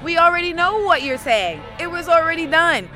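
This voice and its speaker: A woman's voice: extremely high pitch, expressive, fairly quick, pushed and bright, faint music behind. A young woman from Queens giving her views in an emphatic, frustrated way during a street interview. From Queens, New York. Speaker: voter. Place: outdoors on a city street.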